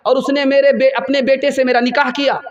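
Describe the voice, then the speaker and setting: A male preacher voicing a young bride who eagerly recounts her wedding, in quick, excited bursts. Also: very high voice, dull audio, voice pushed up. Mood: gushing.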